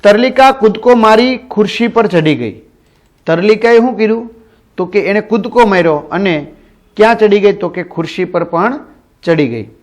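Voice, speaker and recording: A man teaching a primary-school reading lesson with a notably high voice. He goes through the story line by line, repeats phrases, and asks quick questions to check understanding. It sounds like a recorded teaching video.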